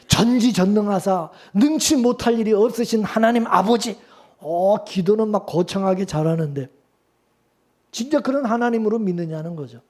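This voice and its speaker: This high-voiced male preacher questions his congregation rhetorically as he delivers a sermon, alternating between loud urging and hushed composure.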